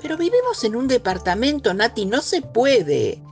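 Woman as an exasperated mother, Rioplatense accent, stern, scolding, lively pitch. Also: normal speed, faint music behind. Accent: Rioplatense Spanish.

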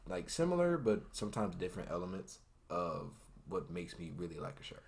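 Deep-voiced young American man chatting casually. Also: sing-song, fairly quick, vocal fry, darkish tone. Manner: slangy, joking, teasing. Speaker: podcast co-host. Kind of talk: casual chat about anime.

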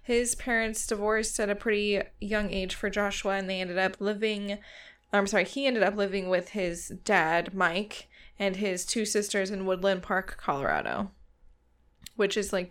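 A woman's voice: mid-range voice, a little slow, a bit bright. Chatty woman podcast co-host. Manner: loose and chatty, heavy use of "like", casual swearing. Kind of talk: casual chat, telling a true crime story.

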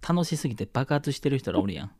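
A man's voice: mid-range voice, very animated, fast, darkish tone, no room sound, clean studio sound. A man with a Kansai accent co-hosting a podcast, chatting casually and acting out the people in his story. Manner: chatty storyteller who acts out overheard people. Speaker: podcast co-host. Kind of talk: casual chat.

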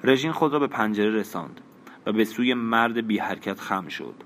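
A man reads a novel aloud in a measured, even style. His voice is low and steady. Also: slight background noise. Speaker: narrator. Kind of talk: audiobook narration.

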